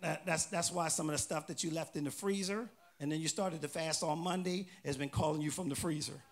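High-pitched gravelly preacher man. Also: a little fast. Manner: energetic preacher, rising loud on scripture readings, prompting the congregation. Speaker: pastor. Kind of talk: call-and-response sermon. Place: church.

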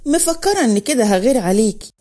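A woman voicing a proud, jealous young Upper Egyptian man, speaking in a lowered, mocking tone with an Upper Egyptian accent. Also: lively intonation, fast talker, dark tone, close to an everyday voice. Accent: Upper Egyptian Arabic.

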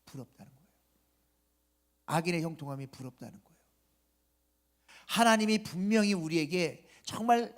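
At an early morning church service, a male pastor delivers a sermon with a slightly high voice. He poses rhetorical questions to the congregation, and his loud emphasis drops to a soft whisper as his phrases end.

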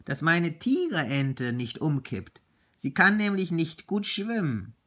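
A man voicing a small, excitable young male tiger in a read-aloud children's story, speaking in a high, eager voice. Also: slow pace, full character voice. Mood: anxious.

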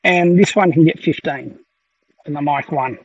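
A tech reviewer speaks at a normal speed in a fairly high, slightly rough voice, casually reviewing gear from his home workshop as 3D printers run. His delivery is hesitant with many ums and restarts, and the dry recording sounds muffled, the mic set a bit far off.

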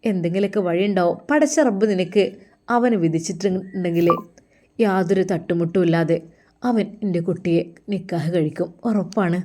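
A woman's voice: on the low side, normal speed, a little hiss or hum, close to an everyday voice. A woman voicing a caring mother who coaxes and reassures her daughter. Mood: coaxing. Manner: coaxing, louder.

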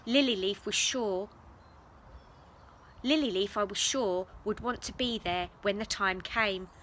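A woman reading a children's story aloud in a gentle, expressive way. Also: mid-range voice, measured pace, slight background noise, poor audio.

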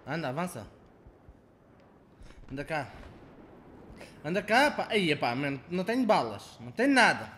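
A young man with a European Portuguese accent giving excitable, profane commentary over his own gameplay, taunting other players. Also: fairly high pitch, unhurried, pauses often, a little hiss or hum. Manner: excitable, swearing, taunting players, swings between shouting and muttering. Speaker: gaming channel host.

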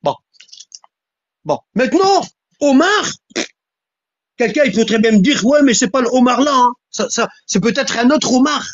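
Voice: high-pitched, animated, normal speed, pauses often, no echo, lo-fi sound. A speaker giving a heated religious polemic talk, who keeps stressing points with repeated questions and repeated lines. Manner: insistent, repeats "hein?" and "tu vois?".

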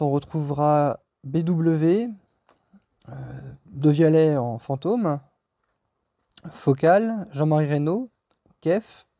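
A man in his thirties speaks to a camera a few meters away in a stone-walled showroom. His voice sits a little high but sounds dark and mellow. He works through long brand lists with frequent pauses and "euh"s. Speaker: shop owner presenting an open house. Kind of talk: casual presentation to camera. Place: hi-fi showroom with stone walls, indoors.

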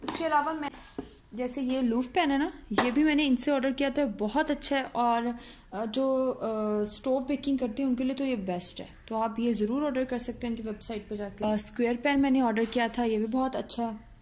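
A woman hosting her cooking channel, chatting casually through an unboxing review of baking supplies and often pausing to fill gaps as she shows each item. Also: fairly high pitch, steady tone, darkish tone. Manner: chatty, frequent hesitations, shows items one by one. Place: indoors at home, seated over a box.

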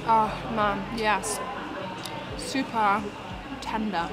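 A woman's voice: medium pitch, fairly even intonation, drawn-out words. Woman talking while chewing. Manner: chatty, enthusiastic, repeats "super". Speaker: travel food vlogger. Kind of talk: casual vlog narration. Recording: loud music bed behind the voice.

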